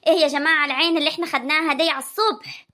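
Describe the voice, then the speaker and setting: A woman's voice: high voice, steady tone, rapid-fire, pushed and bright. A woman with a rural Egyptian accent playing a bossy older mother-in-law who scolds and orders the family about. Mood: exasperated.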